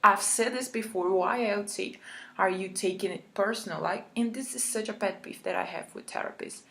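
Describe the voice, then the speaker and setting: A woman's voice: medium pitch, fairly quick, creaky, fairly bright tone. A woman vlogger ranting in a frustrated, exasperated way, with many fillers. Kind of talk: casual rant vlog.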